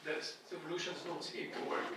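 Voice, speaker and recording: A man's voice: fairly high pitch, little pitch movement, fast talker, crowd noise. A middle-aged man from Egypt giving a classroom lecture at a lectern, earnest and thinking aloud with frequent restarts. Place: lecture hall with a projected slide. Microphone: handheld mic at a lectern, filmed from a distant camera. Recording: echoey hall from far off.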